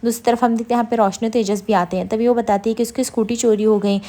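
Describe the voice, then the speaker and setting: A woman's voice: fairly high pitch, steady tone, quick pace, mellow. A woman narrating a TV serial recap, retelling scenes with quoted dialogue. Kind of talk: casual plot retelling.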